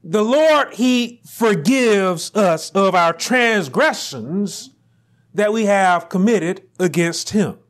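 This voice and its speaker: A pastor with a high-pitched voice preaches slowly and deliberately, letting each phrase land. He climbs to near shouts when he stresses a point. He is recorded on a lapel mic in a small church room. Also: lively intonation. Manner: rising to near shouts on emphatic lines, slow deliberate phrasing. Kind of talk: sermon.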